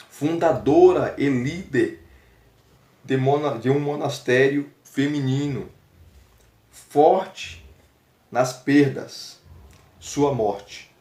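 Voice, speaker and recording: A male teacher reviewing a book, slowly reading out its chapter headings with fillers and asides. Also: mid-range voice, darkish tone, roomy sound. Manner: slow, listing chapter headings with frequent fillers.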